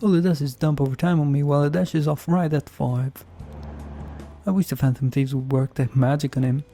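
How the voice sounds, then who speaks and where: A man reading out a disgruntled office worker from a game, with deliberately amateurish, bad acting. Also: fairly high pitch, steady tone, mellow, faint music behind, close to an everyday voice. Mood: griping. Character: disgruntled office worker griping about his boss. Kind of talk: reading game dialogue aloud.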